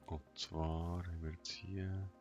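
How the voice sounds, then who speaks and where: A man giving an unscripted game walkthrough in a flat, emotionless monotone, thinking aloud in short, hesitant fragments. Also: low voice, slow pace. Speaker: gaming tutorial host. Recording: dull lo-fi sound, music behind.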